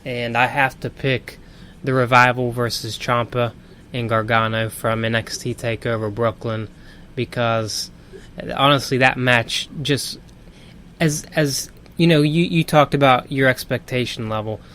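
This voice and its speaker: A man's voice: mid-range voice, steady tone, measured pace, fairly bright tone, a little hiss or hum. A young man co-hosting a wrestling podcast, talking with enthusiasm in casual chat. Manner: enthusiastic, picks match of the week. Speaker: podcast co-host.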